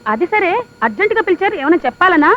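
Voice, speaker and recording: An actress playing a devout, fussy wife who scolds primly in a film comedy. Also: female voice, very high-pitched, very animated, very fast, slight background noise. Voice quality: prim, scolding. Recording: dull lo-fi film audio.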